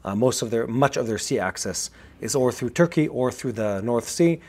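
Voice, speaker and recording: A man co-hosting a podcast, talking through analysis quickly with frequent fillers and restarts. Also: medium pitch, animated, a little mellow, husky. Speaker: podcast co-host. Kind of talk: casual analytical chat. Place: Israel.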